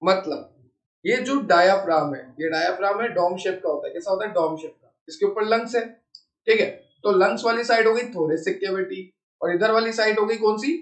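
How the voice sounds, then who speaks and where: A man's voice: high-pitched, moderate pace, echoey room. A man teaching biology in a classroom lecture, mixing in English textbook terms and asking checking questions.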